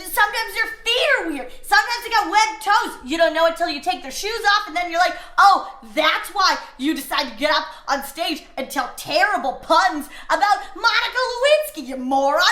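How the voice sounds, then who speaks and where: Young lady doing a jokey advice rant, super high and bouncy voice, lots of asides, roomy echo. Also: pushed and bright. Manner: rambling, self-deprecating, rapid asides. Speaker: comedy advice host. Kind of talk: comedic advice monologue. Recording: echoey room.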